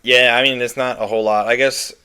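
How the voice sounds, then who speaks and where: A man's voice: medium pitch, little pitch movement, quick pace, sharp tone, clean tone. A young man co-hosting a casual wrestling podcast, laid-back and slangy. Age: young adult. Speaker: podcast co-host. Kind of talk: casual wrestling recap chat.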